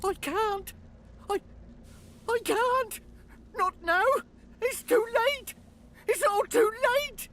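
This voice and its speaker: A man's voice: sits high, sing-song, takes it slowly, pushed and bright, slight background noise, full character voice. A man playing a craven, scheming old undead dwarf skeleton in a fantasy video game, theatrical as he swings between frantic pleading and ominous intoning. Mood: panicked.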